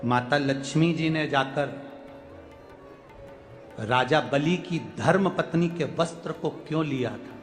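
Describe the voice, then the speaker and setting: A man preaching a devotional sermon, pleading with passion and swinging between loud appeals and soft, quiet lines. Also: on the high side, takes it slowly, pauses often. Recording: long hall reverb with faint music.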